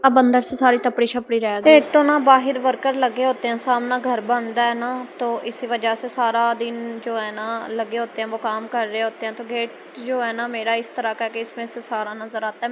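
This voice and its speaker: A woman's voice: fairly high pitch, slight background noise. A Pakistani woman with a Pakistani Urdu accent, chattily narrating her housewife vlog as a voice-over from a room at home. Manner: chatty, storytelling, frequent filler particles. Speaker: housewife vlogger. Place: indoor room, no fan running. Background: children playing and shouting.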